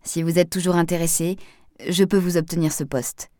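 A woman reading Laurent, a warm charming man. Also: lowish voice, normal speed, no room sound, studio quality, natural voice. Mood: courteous. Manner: courteous, flattering.

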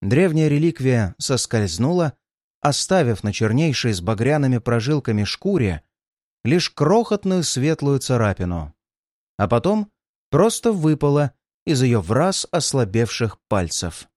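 A man narrating a dark fantasy audiobook in a measured, dramatic reading. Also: mid-range voice, big pitch swings, no echo, clean studio sound.

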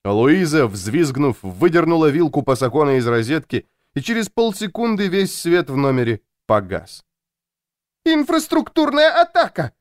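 A man reading an audiobook with expressive storytelling narration. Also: medium pitch, normal speed, hardly any pauses, no room sound, clean studio sound. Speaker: audiobook reader. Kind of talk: scripted narration.

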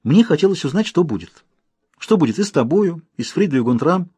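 A man putting on a mocking, soulless temptress, high and husky. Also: sing-song, brisk, dark tone, dry recording. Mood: playful. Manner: taunting, teasing, laughing. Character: mocking, cruel young woman, soulless temptress.

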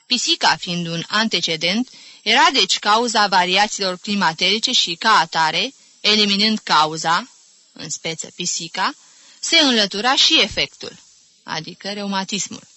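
A woman reading a literary novel aloud in a measured, ironic narrating manner. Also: medium pitch, pushed and bright, no room sound. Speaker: audiobook reader. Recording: dry close studio recording.

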